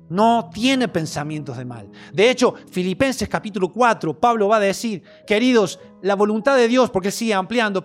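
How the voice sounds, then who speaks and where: A man with a Rioplatense Spanish accent preaching a sermon in an earnest, repetitive, story-driven way. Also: sits high.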